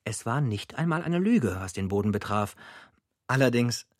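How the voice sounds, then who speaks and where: A man's voice: mid-range voice, animated, moderate pace, no room sound, lightly acted. A man narrating a radio drama as a grown son recalling his family's troubles, in short, dry, matter-of-fact sentences. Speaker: first-person narrator. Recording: narration over clear music.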